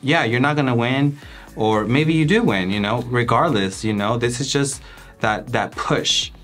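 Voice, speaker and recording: A man's voice: medium pitch, unhurried, a bit bright, faint music behind. A young man co-hosting a casual recap chat, rambling and laughing, with many fillers. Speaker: podcast co-host.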